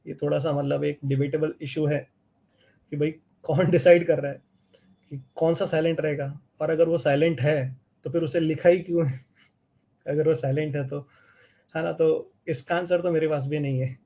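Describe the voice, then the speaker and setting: Gravelly Indian man teaching geometry. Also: fairly high pitch, fairly even intonation, moderate pace, dark tone, lo-fi sound. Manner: explains step by step with frequent "है ना?" check-ins. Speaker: math teacher. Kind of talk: online live class lecture.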